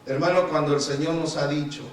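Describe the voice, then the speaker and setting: A man's voice: a little high, fairly even intonation, a little fast. A man preaching a sermon who keeps calling out to his listeners as brothers and acts out the complaints of churchgoers. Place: church hall. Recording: echoey church hall from far off.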